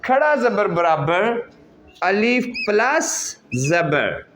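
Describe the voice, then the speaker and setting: A man with a Pakistani Urdu accent teaching a class how to recite, drawing out sounds slowly to model them and asking and answering his own questions. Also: high-pitched, sing-song, fairly bright tone, a little hiss or hum.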